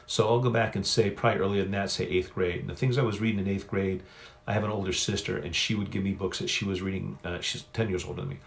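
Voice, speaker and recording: A man's voice: low voice, steady tone, quick pace, vocal fry. A middle-aged man hosting a solo author livestream Q&A, talking in a rambling, chatty way and often correcting himself, recorded on a phone. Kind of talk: casual solo livestream chat. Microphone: phone on a stand.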